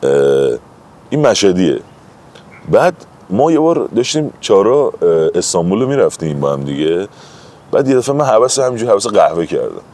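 A man's voice: lowish voice, sing-song, a little mellow. A man talking as a guest in a casual conversation, telling anecdotes in an emphatic, chatty way.

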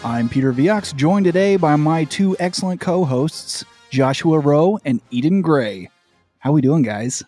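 A man's voice: fairly high pitch, animated, measured pace, mellow, soft background music. A man hosting a casual podcast chat with his co-hosts. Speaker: podcast host. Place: basement.

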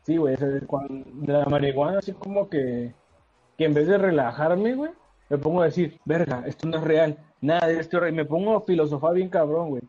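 Male Mexican guest, mellow tone, slangy storytelling, dull lo-fi call recording. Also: a little high, brisk. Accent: Mexican Spanish. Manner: slangy, says "güey" constantly. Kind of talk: casual chat.

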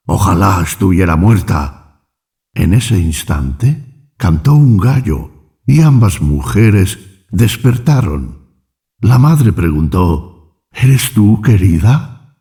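A man reading fables aloud as an audiobook narrator, slow and measured, voicing the quoted lines in his own manner. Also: on the low side, very animated, mellow. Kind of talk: scripted narration.

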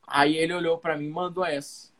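A man's voice: on the high side, little pitch movement, fairly quick, fairly bright tone. A young man from Cuiabá, a guest comedian, telling a long story in casual slang and acting out the other people in it. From Cuiabá, Brazil.

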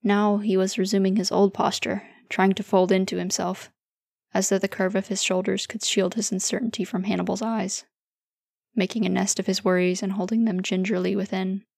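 A woman calmly reading fan fiction aloud as the narrator. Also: mid-range voice, normal speed, creaky, no echo, clean studio sound.

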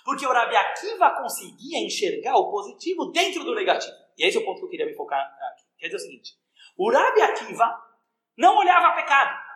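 Fast, animated rabbi teaching. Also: male voice, very high-pitched. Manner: animated, questions the listeners. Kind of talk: lively religious lesson. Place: room with a live audience. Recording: echoey room.

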